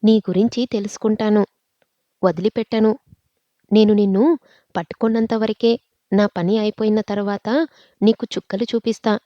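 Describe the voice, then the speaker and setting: A woman's voice: mid-range voice, fairly even intonation, moderate pace, pauses often, no room sound, highs cut off, natural voice. A woman voicing an arrogant rich young man who taunts and threatens. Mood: threatening.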